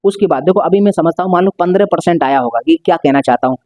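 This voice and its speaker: Patient man explaining maths, dark dry voice. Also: fairly high pitch, rapid-fire, dry recording. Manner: repetitive, step-by-step explaining, stretches out key words. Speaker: maths teacher. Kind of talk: explaining a maths lesson at a board.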